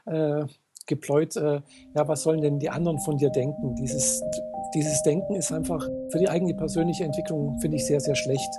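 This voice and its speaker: Deep-voiced woman, music behind. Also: steady tone, normal speed. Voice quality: deep, dark voice. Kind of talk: casual personal talk. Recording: loud music over the voice.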